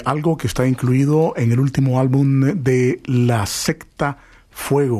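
A male radio host with a voice of middling pitch who talks his listeners through the afternoon's music and news. He hesitates between phrases and then reads news items in a measured, informative way. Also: a little mellow. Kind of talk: radio talk show hosting and news commentary.

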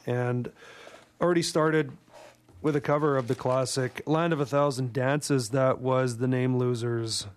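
A man with a gravelly whiskey voice from a cold, casually presenting a music show on the radio in a wry, rambling way. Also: medium pitch, steady tone, a little slow. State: getting over a cold. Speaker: radio host. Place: radio studio.

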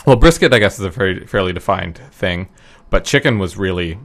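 A man's voice: low-pitched, expressive, a little fast. A man chatting casually, rambling and hesitant, full of ums and restarts. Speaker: guest recounting an event. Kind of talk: casual chat.

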